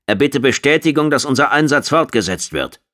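A man doing a gruff barking commander. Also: medium pitch, lively intonation, fairly quick, fairly bright tone, voice pushed up, lightly acted. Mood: curt. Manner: curt, barking orders. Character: gruff, impatient male military commander.

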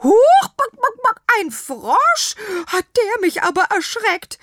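A woman's voice: very animated, slow pace, a bit bright, dry recording, studio quality, full character voice. A woman voicing a fearful, fussy little hen who clucks through her words in a storybook reading. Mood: startled. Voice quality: high clucking voice broken up by clucks.

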